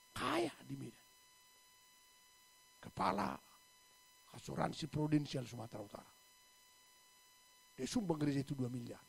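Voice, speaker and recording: A male pastor preaching a sermon, telling stories dramatically and acting out the people in them with sudden loud bursts. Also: a little high, creaky, husky. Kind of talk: sermon with storytelling. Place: church.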